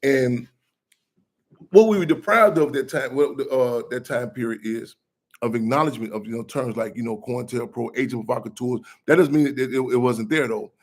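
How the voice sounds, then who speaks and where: A man appears as an activist guest on a radio talk show, speaking passionately and quickly at a medium pitch. He often repeats and restarts his phrases.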